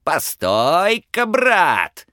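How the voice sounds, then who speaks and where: A man voicing a blustering, angry old tsar in a storybook reading, shouting threats. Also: on the high side, wildly swooping pitch, extremely slow, no echo, studio quality, pitched above the performer's own voice, heavily acted. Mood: mocking.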